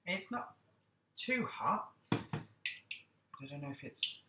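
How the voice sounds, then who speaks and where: A man's voice: a little high, big pitch swings, very slow, noisy background. Chatty man in an echoey kitchen. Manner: chatty, self-deprecating, jokey asides. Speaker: cooking vlog host. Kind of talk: casual cooking vlog.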